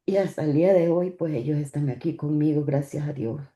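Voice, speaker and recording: In an echoey church room, a woman shares a personal religious testimony in a low, warm voice. She speaks haltingly, pausing and repeating words along the way.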